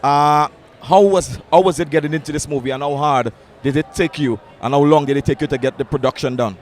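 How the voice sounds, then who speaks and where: A man's voice: fairly high pitch, brisk. Stumbling red carpet interviewer, a man. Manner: stumbling, repeating himself. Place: outdoor red carpet event.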